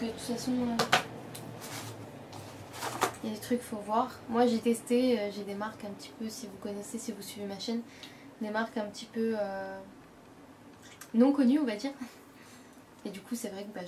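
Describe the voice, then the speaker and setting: Young woman beauty vlogger, rambling and casual, slightly high voice, recorded at home with clear background noise. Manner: chatty, many fillers and self-corrections. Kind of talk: casual product show-and-tell.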